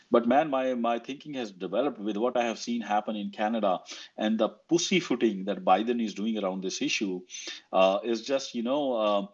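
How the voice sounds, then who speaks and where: Husky North Indian Punjabi-accented man. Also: mid-range voice. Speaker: host of an online audio discussion. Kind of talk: casual political discussion. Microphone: online audio call. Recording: slightly muffled online call audio.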